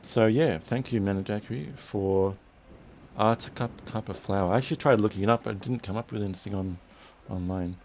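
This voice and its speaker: Deep-voiced male chat host. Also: a little fast, a little hiss or hum. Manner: relaxed, rambling with restarts. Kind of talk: casual chat.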